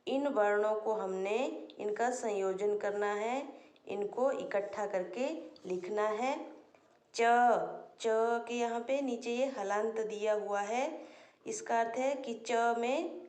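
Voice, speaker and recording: A woman's voice: mid-range voice, slow, a little mellow, roomy sound. A woman teaching a Sanskrit class, patiently working through exercises and spelling out letters and word meanings step by step. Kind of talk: classroom lesson explaining exercises.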